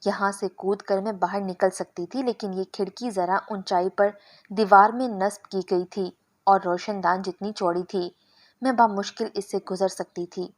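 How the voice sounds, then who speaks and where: A woman's voice: medium pitch, fairly even intonation. Woman narrating a first-person story.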